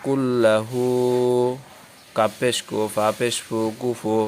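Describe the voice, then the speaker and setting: A man's voice: mid-range voice, flat delivery, slow pace, slight background noise. A man teaching Quran reading, patiently spelling out each syllable letter by letter and joining them into words.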